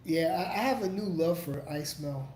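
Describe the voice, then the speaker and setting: Fielding viewer comments on a laid-back livestream, a man rambles, swears, and keeps starting over. His slightly high voice is expressive and a bit mellow at a normal speed, recorded in an echoey room with some faint noise behind him.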